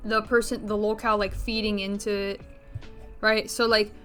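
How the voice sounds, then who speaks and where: A woman's voice: medium pitch, little pitch movement, moderate pace, fairly bright tone, faint music behind. A woman vlogging in a casual, rambling way, a bit out of breath, full of filler words, restarts and blunt swearing. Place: bedroom.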